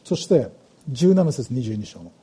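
A man's voice: mid-range voice, very animated, a little slow, warm tone, husky. A middle-aged man preaching a sermon, reading scripture aloud and asking the congregation questions. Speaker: pastor.

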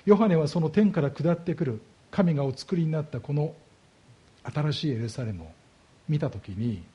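A man's voice: fairly high pitch, animated, dark tone, husky, highs cut off. A man preaching a sermon as a pastor, explaining scripture and asking his congregation rhetorical questions. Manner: slows down heavily on key words.

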